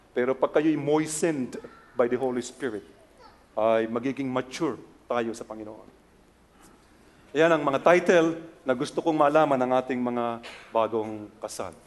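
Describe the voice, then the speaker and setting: A middle-aged Filipino man with a Filipino accent, preaching a sermon as pastor, animated and swinging between soft asides and loud acted-out quotes. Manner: animated, acts out quotes with sharp jumps in pitch and loudness.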